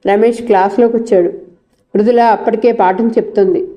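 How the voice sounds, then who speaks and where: A woman narrating a novel in a steady storytelling manner. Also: fairly high pitch, brisk, lo-fi sound.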